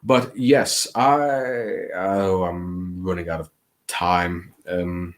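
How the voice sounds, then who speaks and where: Hosting a late-night livestream, an English man with a Scouse accent drags out his words in a low, steady voice. The chat wanders casually, and he sounds unsure and self-mocking while throwing in dramatic flourishes.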